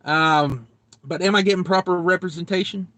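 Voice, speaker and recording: A young man with a high, bright voice rambles through a casual live stream from his truck cab. He jokes freely and reads viewer comments aloud. The sound is dry and close, with no room echo. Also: normal speed. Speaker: trucker livestream host.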